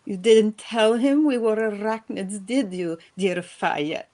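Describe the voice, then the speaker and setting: A man voicing a gentle, motherly female spider with a soft, silky voice and a heavy Russian accent. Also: high-pitched, slow pace, voice pushed up. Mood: tender, affectionate.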